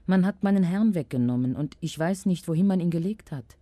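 A woman's voice: on the low side, expressive, a little fast, warm tone, dry recording. A woman reading the lines of a grieving woman searching for her lord, in a plain scripture-reading voice. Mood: urgent.

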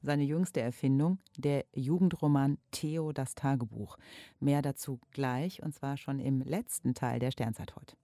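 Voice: mid-range voice, steady tone, warm tone, no room sound. A radio presenter interviewing a guest and announcing segments in a studio. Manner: measured, announcing.

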